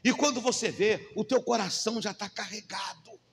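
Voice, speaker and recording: High-voiced pastor preaching. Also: male voice, moderate pace, creaky, big-room sound. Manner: emphatic preaching, rhetorical questions to the crowd. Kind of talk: sermon.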